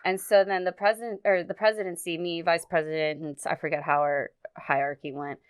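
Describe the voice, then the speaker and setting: A young woman, a podcast guest, telling a story in a halting, earnest way full of restarts. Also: fairly low pitch, fairly even intonation, smooth, dry recording. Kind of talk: casual storytelling.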